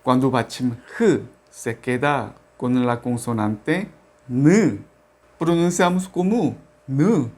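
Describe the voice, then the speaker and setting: A man teaching a language lesson, speaking slowly and repeating each example word for the listener to say after him. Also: medium pitch, a little mellow. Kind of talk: slow, deliberate language lesson.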